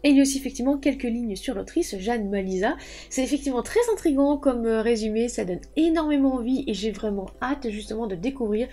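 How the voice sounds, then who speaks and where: A thirty-year-old woman who reviews books and hosts her own channel chats enthusiastically while unboxing parcels in a casual video. Her voice is fairly high, warm and fast, and she often says "justement" and "effectivement".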